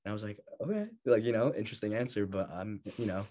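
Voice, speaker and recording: A young man chatting in an interview, telling stories in a lively way and laughing often. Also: lowish voice, fast. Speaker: guest bodybuilder. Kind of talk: casual interview chat.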